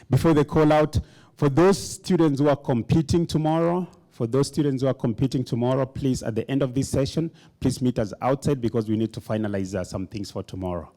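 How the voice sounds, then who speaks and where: A man's voice: mid-range voice, steady tone, normal speed, mellow. A man giving a rousing conference speech in a hall, emphatic, leading the audience in call-and-response chants. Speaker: motivational speaker.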